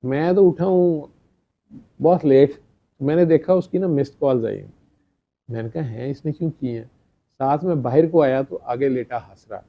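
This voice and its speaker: A middle-aged man tells a story to a gathering, chatty and anecdotal, acting out each line of dialogue. His voice is gravelly and sits at an ordinary pitch. The recording sounds dull and lo-fi. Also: normal speed. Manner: anecdotal, chatty, quotes dialogue, laughs between lines. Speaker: speaker addressing a gathering. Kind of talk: storytelling talk.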